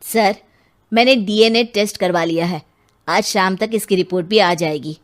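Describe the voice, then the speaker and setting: A woman's voice: medium pitch, normal speed, natural voice. Woman voicing a polite cartoon police inspector. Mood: earnest. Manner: earnest, polite questioning, addressing others as sir. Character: dutiful male police inspector, steady and respectful. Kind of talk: Hindi cartoon voice acting.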